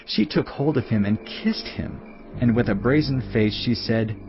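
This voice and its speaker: Slightly slow and mid-range in pitch, a man gives a dramatised Bible narration as a grave, admonishing fatherly teacher. His voice comes through somewhat muffled over background music.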